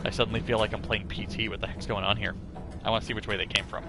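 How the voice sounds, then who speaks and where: A man's voice: lowish voice, little pitch movement, rapid-fire, creaky. A man doing casual live game-stream commentary, chatting and thinking aloud as he plays. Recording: music behind the voice. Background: music.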